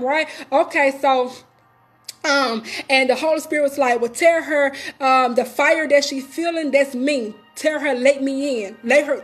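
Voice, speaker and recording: High-voiced woman preaching a testimony. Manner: emphatic, repeats phrases, addresses viewers directly. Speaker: prophet. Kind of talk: sermon-style testimony on a live video.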